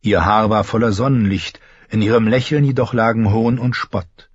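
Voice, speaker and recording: A man narrates a fantasy novel in a measured, somber manner. His voice sits low with a husky grain. The close-miked recording is dry and somewhat dull. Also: steady tone, no room sound. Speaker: audiobook narrator.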